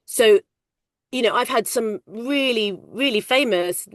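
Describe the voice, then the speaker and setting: A middle-aged woman working in film casting, talking loudly and animatedly in a casual interview. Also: a little high, measured pace, no echo, clean studio sound. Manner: loud, animated, chatty storyteller. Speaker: ADR casting coordinator.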